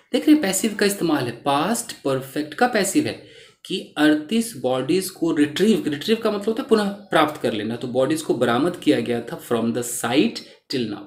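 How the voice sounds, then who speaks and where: A man teaching English in Hindi, reading lines from a news article slowly and then explaining the meaning of each word. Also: fairly high pitch, a little mellow. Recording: roomy echo.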